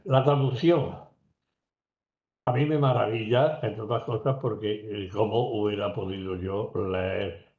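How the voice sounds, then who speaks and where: A poet in a seminar conversation lectures on poetry in a medium-pitched, dark voice, captured in a roomy, slightly dull recording. He hesitates a lot with fillers and restarts, and occasionally sings or recites an example.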